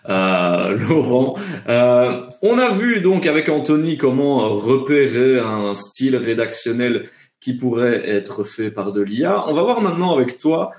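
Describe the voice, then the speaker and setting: A man moderating a live education webinar, unhurried, with drawn-out fillers between phrases. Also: medium pitch, reverberant.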